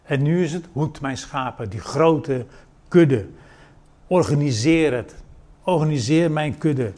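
A man preaching a sermon, retelling a scripture story and acting out the dialogue with lively emphasis. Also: fairly high pitch, slow pace.

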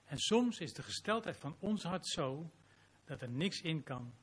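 A man's voice: fairly high pitch, expressive, unhurried, slightly rough. A man preaching a sermon as pastor, reading scripture dramatically and closing in prayer.

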